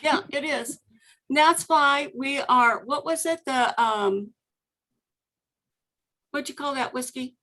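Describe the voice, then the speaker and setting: A woman's voice: sits high, slow pace, pauses often, sharp tone, low-quality recording. A woman hosting a casual authors' meeting over a video call, chatty and full of fillers.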